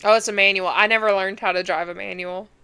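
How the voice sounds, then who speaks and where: A hoarse, congested woman hosting a movie reaction, chatting casually and talking back at the screen with sass. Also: mid-range voice, fairly even intonation, quick pace, background noise.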